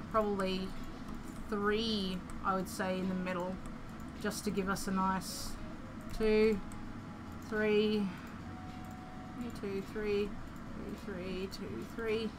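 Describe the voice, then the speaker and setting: A woman's voice: medium pitch, bright, forceful tone, slight background noise, low-quality recording. A young Australian woman chatting casually and playfully as she streams a building game, rambling through her thoughts.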